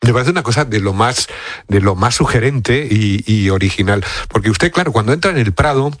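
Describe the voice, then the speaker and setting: A man's voice: fairly low pitch, animated, a little fast, no echo. A man hosting a radio interview in a studio, asking curious, prompting questions of his guest. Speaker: radio host.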